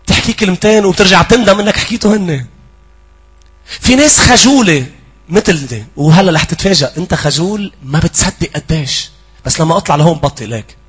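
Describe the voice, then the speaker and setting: Lebanese guy preaching fast, kinda husky, fairly high voice, goes loud then soft. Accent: Lebanese Arabic. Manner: animated, swings between loud pleading and hushed asides. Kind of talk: sermon.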